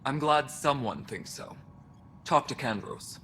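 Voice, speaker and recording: A performer playing a gruff engineering chief in a video game, speaking in a blunt, firm way. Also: male voice, mid-range voice, a little slow, sharp tone, slight background noise.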